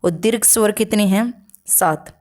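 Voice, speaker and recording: A woman's voice: mid-range voice, unhurried, darkish tone. Woman teacher quizzing her own class. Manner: asks questions and answers them herself; checks in with frequent "okay" tags. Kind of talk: exam-prep grammar lesson.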